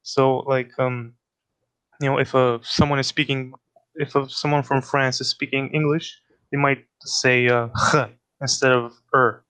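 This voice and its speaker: A man's voice: medium pitch, little pitch movement, moderate pace, fairly bright tone, smooth. A man giving a casual explanatory talk on linguistics, thinking aloud and correcting himself as he goes. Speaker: linguistics presenter.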